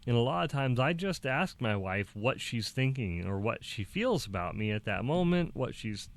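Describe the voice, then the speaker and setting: A young man talking casually to the camera, halting and restarting, with small laughs between thoughts. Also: medium pitch, sing-song. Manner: acts out quoted dialogue in a raised voice. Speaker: vlogger.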